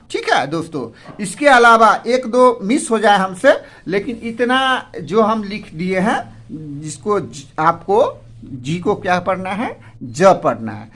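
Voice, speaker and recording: Slow-talking male teacher. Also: high-pitched, bright, forceful tone. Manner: repetitive, asks and answers own questions. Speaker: English teacher. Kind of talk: classroom pronunciation lesson.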